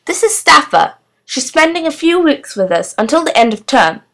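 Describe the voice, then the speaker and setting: A woman playing a bright, cheerful teacher. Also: high-pitched, very animated, moderate pace, pitched above the performer's own voice, full character voice. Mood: welcoming. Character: kind, jolly woman schoolteacher, middle-aged.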